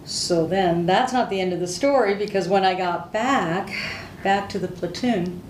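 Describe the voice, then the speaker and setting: Her pitch sits in the medium range and her pace is measured as she frankly recounts stories from her service. The older woman, a native speaker of Hungarian, is being interviewed for an oral history, captured from a distance in an echoey room with slight background noise.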